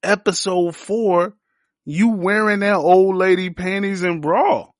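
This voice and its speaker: A man's voice: high-pitched, steady tone, slow pace, dry recording, studio quality. A young man hosting a podcast, reviewing a series in a crude, joking, slangy riff full of profanity. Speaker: podcast host.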